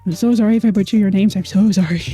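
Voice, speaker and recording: A woman's voice: mid-range voice, quick pace, dark tone, husky. A woman from Scotland, a streamer chatting casually with viewers, chatty and apologetic with many fillers. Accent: mostly American-sounding, Scottish origin. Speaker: vtuber streamer. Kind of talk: casual livestream chat.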